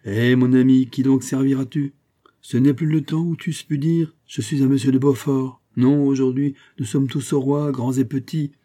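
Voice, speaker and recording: Man doing a loud swaggering duke, raised pitch, husky dark tone, blustering oaths. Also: brisk, natural voice. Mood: insistent. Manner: blustering, oath-swearing, loud and hearty. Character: boisterous swaggering noble duke, middle-aged man.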